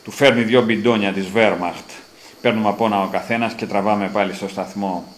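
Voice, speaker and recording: A man's voice: fairly low pitch, fairly even intonation, a little hiss or hum. A man reading his own literary prose aloud, with dramatic rising emphasis on repeated phrases. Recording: roomy echo, faint ambience.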